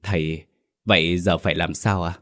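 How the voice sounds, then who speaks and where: Brief: a man doing a frightened old fish farmer, stammering, quick and anxious, low voice. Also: fairly even intonation, fairly bright tone.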